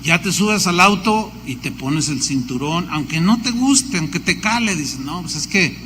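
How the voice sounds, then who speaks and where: High, bright Mexican pastor preaching. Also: male voice, unhurried, in a large hall, slight background noise. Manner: animated preaching with lists and storytelling asides. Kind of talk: sermon.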